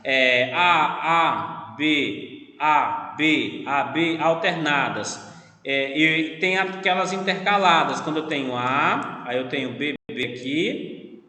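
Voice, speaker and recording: Brazilian man, literature teacher on an online class, bright higher voice, patient explaining, echoey room with long reverb. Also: slow. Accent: Brazilian Portuguese. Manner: explains patiently, often checks with "né?".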